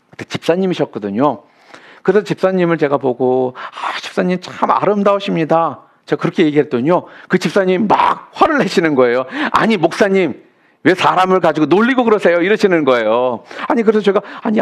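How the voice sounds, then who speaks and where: A man preaching a sermon in a church, his voice pitched high with a gravelly edge. He keeps throwing rhetorical questions at the congregation, rising to loud, emphatic peaks and then dropping to quiet asides. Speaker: pastor. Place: church sanctuary.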